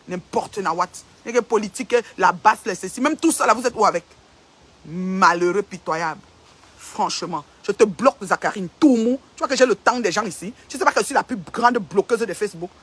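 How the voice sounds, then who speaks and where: Woman online commentator, husky edge, confrontational, repetitive livestream tirade. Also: medium pitch, lively intonation, fairly quick, fairly bright tone. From Cameroon. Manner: confrontational, repeats phrases for emphasis. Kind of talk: livestream rant.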